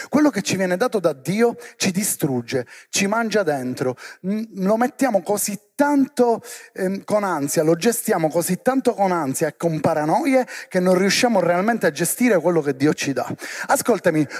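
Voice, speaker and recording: An animated man preaches to young people, keeps firing questions at the crowd, and pulls them along as he speaks. His voice sits fairly high for a man. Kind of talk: lively sermon to young people.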